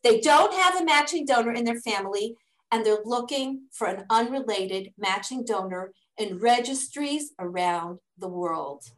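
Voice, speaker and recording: A middle-aged woman, a native English speaker living in Israel, is interviewed as a charity fundraising director about her organization's work. Her voice sits a little high with lively intonation, and she speaks a bit slowly and brightly, giving earnest, step-by-step answers with frequent restarts. The recording is rough and reverberant.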